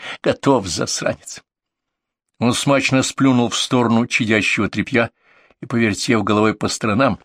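Low-voiced man narrating a story. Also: fairly bright tone, dry recording, clean studio sound. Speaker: audiobook narrator. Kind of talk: first-person audiobook narration.

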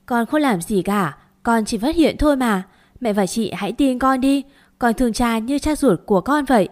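A woman's voice: on the high side, expressive, moderate pace, a little mellow, lightly acted. A woman voicing a wronged young daughter-in-law who pleads her innocence in a choked voice. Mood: pleading.

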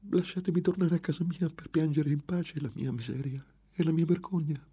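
A man's voice: on the high side, a little fast, dark tone, husky, voice pushed up. A man voicing a terrified young woman who pleads timidly to be let go. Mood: pleading.

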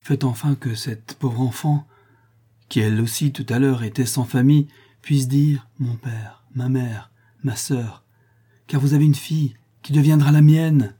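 A man's voice: mid-range voice, a little slow, pauses often, warm tone, breathy edge. A man voicing a passionate noble prince who pleads tenderly, in an earnest manner, for an audiobook. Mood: pleading. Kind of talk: audiobook reading.

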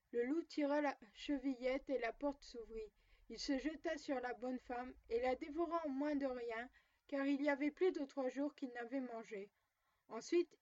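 High-voiced woman reading a fairy tale. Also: darkish tone. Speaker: storyteller. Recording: dull lo-fi recording.

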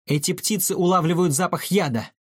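A man voicing a furious young boy who loudly accuses a murderer. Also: high voice, a little fast, slightly rough, no echo, clean studio sound, pitched above the performer's own voice. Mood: angry accusing. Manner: loud, indignant declaiming.

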